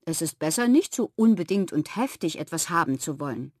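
A woman voicing a calm, patient father in a children's storybook, explaining things gently. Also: deep voice, brisk, dry recording, studio quality, voice pushed down.

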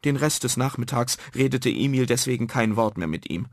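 A man reading a bedtime story for children aloud in a lively, expressive way. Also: mid-range voice, fairly quick, dry recording, clean studio sound. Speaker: narrator. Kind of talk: scripted bedtime story narration.

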